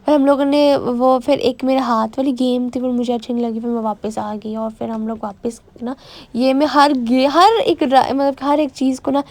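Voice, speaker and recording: A young woman narrates her vlog over the footage in a casual, self-mocking ramble. Her voice sits high, and the recording is close and dry with no room sound. She often breaks off and starts her sentences again. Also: steady tone, normal speed, a little mellow, no echo. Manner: chatty and self-mocking, with frequent restarts. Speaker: vlogger.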